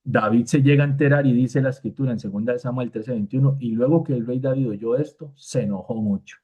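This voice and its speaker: A man's voice: mid-range voice, fast, mellow, breathy edge. Man teaching the Bible over a tinny line. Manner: informal, uses "este" as filler, acts out short quotes. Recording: tinny phone-like sound.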